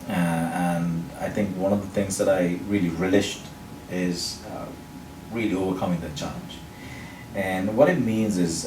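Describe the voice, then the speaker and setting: This interview guest is a Sri Lankan man and public speaking champion, likely a native speaker of Sinhala or another Sri Lankan language. His voice sits low, and his neutral international English has just a trace of Sri Lankan accent as he explains things carefully in list form. A far-off mic gives the audio a roomy echo and faint noise.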